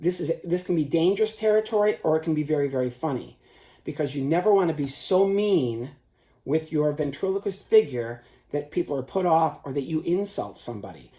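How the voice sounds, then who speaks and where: A man's voice: fairly high pitch, animated, brisk, warm tone. A man giving an informal instructional talk as a performer, stressing his points with emphatic repetition. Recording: roomy, echoing sound.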